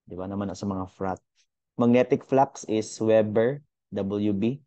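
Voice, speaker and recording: A man's voice: on the low side, unhurried, dark tone, no room sound. Chatty young male teacher. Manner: chatty, code-switching, thinks aloud with fillers. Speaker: physics teacher. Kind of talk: casual online lesson.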